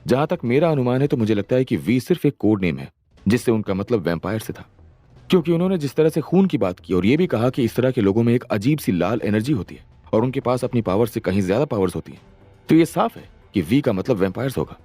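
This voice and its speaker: A man voicing a calm young woman who reasons out a theory. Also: mid-range voice, fast, dry recording, faint music behind. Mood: reasoning.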